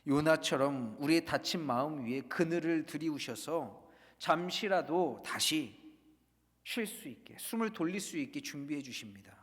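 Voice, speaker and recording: Pastor preaching in a reverberant hall. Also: male voice, on the high side, expressive, normal speed. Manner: dramatic swings from loud urging to hushed near-whisper. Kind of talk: sermon. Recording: long reverb of a large hall.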